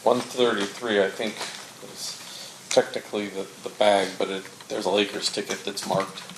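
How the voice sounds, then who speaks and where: A man's voice: fairly low pitch, steady tone, normal speed. A man working as a prosecutor, questioning a witness in a courtroom methodically with frequent "uh" and "um", heard in a courtroom recording. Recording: echoey courtroom recording with background noise.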